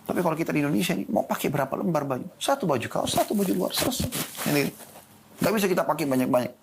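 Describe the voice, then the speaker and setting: Here a man's high-leaning, creaky voice delivers an Islamic lecture at rapid-fire speed, with a faint hiss or hum in the background. Recorded in a studio, the preacher animatedly quizzes his audience and answers his own questions.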